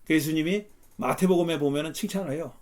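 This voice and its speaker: A man leading a Bible study as pastor, explaining verses in an animated way and acting out the lines he quotes. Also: a little high, fast talker. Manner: animated, acts out quotes with rising intensity.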